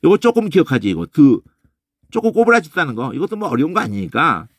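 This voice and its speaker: A man teaching a lecture on Bible languages, talking casually and emphatically, repeating phrases and tossing in quick questions to his listeners. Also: dry recording, clean studio sound. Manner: emphatic, lively demonstrating, repeats phrases with sudden pitch jumps; casual speech, trailing questions.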